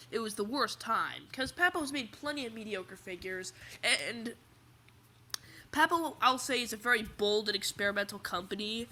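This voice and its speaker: A teenage boy who hosts toy collector videos chats casually on a livestream, rambling and restarting often. His high, bright voice is slightly raspy, and he sounds under the weather with a stuffy nose.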